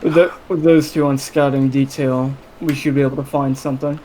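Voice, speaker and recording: A man voicing a calm, loyal young man in a tabletop game, speaking in a low-key, easygoing way. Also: fairly quick, lightly acted, rough recording.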